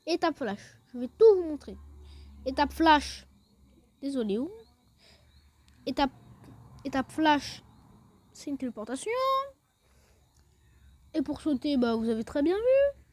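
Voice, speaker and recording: A woman's voice: sits high, big pitch swings, a little slow, long pauses, darkish tone. A woman casually talking through a video game, explaining each step with small hesitations. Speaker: gaming video creator. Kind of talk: casual gameplay walkthrough.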